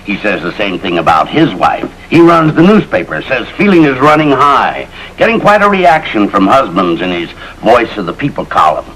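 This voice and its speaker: An actor playing an excitable middle-aged neighbor husband in a 1950s sitcom, blustering and loud. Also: male voice, lowish voice, normal speed, rough recording. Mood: grumbling. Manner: blustering, shouting in alarm. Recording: old TV soundtrack with faint hiss.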